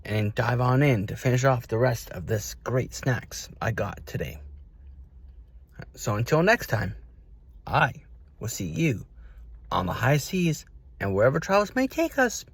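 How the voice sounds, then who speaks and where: Male vlog host for a casual snack review. Slightly husky voice, halting phrases, animated intonation. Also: medium pitch, no room sound. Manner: halting delivery in short, broken phrases. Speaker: host of food taste test vlog. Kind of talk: casual taste-test review to camera.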